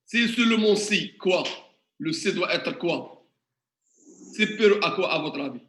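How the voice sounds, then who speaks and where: A man's voice: high-pitched, animated, measured pace, fairly bright tone. Male teacher, echoey classroom. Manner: questioning the class, working through examples step by step. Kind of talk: classroom tutorial lesson.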